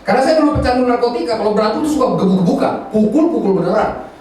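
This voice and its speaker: A male pastor preaching a sermon, telling stories in a lively, colloquial way. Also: very high-pitched, rapid-fire, slight background noise. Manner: animated storytelling, colloquial Jakarta slang. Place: church hall. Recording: distant echoey church hall recording.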